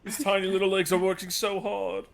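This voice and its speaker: A man's voice: high voice, monotone, brisk, vocal fry, a crowd in the background. A man playing a tabletop game and chatting casually, with faint background noise. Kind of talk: casual chat.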